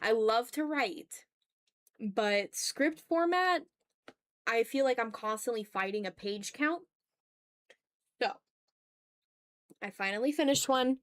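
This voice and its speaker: Unhurried and prone to long pauses, this woman's slightly high voice carries through a streaming mic recently placed somewhat far away. A video creator hosting an art stream, she draws while chatting casually and greets people in the chat as they arrive.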